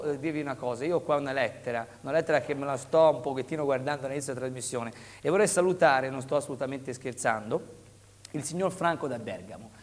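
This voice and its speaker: A man's voice: a little high, big-room sound. A man in his thirties presenting a live TV shopping infomercial as host, urgently appealing to viewers. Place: television studio. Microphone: lapel microphone.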